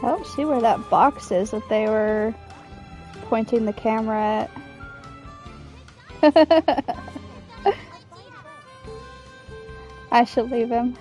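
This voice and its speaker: A woman's voice: fairly high pitch, fairly even intonation, slow, long pauses, darkish tone. A woman streamer giving chatty, giggly commentary on a game while she talks to herself, and she has the hiccups. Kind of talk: casual gameplay commentary. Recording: game music playing behind her voice.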